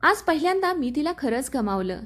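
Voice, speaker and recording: A woman reads as a quiet, gentle young man, selfless and sad. Her voice stays high and lively through it. This is a storybook tale told in a single voice. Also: a little fast. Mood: calm sad.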